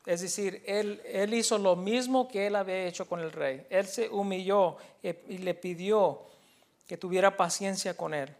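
A pastor with a fairly high male voice preaches in an earnest, teacherly way. He explains a passage, then restates it in a second language, with hesitant fillers and restarts along the way. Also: normal speed. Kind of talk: bilingual sermon, preaching.

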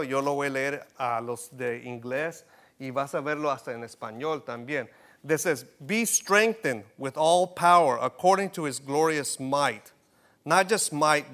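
A man preaching to his congregation, with a voice set a little high. He shifts between two languages and throws question after question at the room. He keeps building to loud, animated peaks. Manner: switches between Spanish and English, asks the congregation questions; rises to emphatic, animated bursts. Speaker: pastor. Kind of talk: bilingual sermon teaching.

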